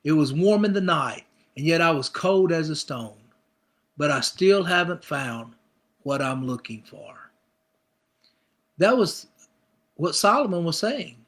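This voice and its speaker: A man's voice: fairly high pitch, animated, unhurried, pauses often, a bit bright. A middle-aged male pastor preaching a conversational sermon, acting out people's inner thoughts with repeated phrases.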